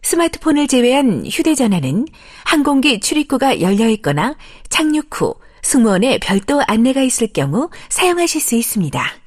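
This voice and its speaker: A woman's voice: on the high side, sing-song, moderate pace. A woman reading a scripted plane cabin safety announcement in a formal, polite way, as a flight attendant.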